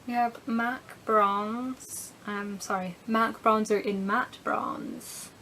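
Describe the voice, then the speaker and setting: A woman's voice: fairly high pitch, fairly even intonation, takes it slowly, sharp tone, a little hiss or hum, poor audio. A young woman chatting casually through a beauty product review, rambling a bit and dropping into whispered asides. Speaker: beauty vlogger.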